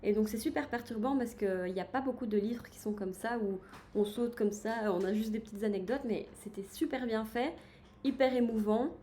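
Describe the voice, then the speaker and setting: A woman's voice: a little high, normal speed, warm tone, a little hiss or hum. A woman chatting in a casual book-review livestream, enthusiastic and full of hesitations as she recommends books. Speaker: book streamer.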